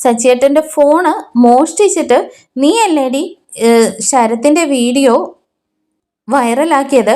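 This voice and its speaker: A woman's voice: sits high, unhurried, pauses often. A woman voicing a furious young woman. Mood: angry. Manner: shouting accusations.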